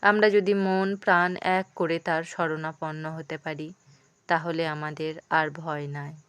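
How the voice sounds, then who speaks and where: A woman telling a devotional story in a gentle, preaching manner, close to the mic. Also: deep voice, level tone, measured pace, clear, resonant tone, no room sound.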